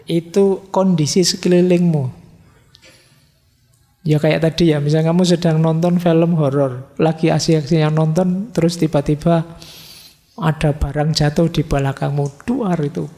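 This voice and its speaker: Gravelly lecturer in a hall. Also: male voice, a little high, warm tone. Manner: conversational, teasing examples, rhetorical questions. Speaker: philosophy lecturer. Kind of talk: casual Javanese-tinged lecture. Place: large mosque hall. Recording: long reverb of a large hall.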